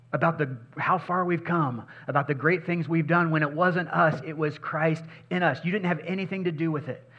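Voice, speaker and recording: The preacher, a man with a voice on the high side, shifts between loud emphatic stretches and soft, intimate moments in his sermon, repeating key phrases to stress them. The recording sounds muffled.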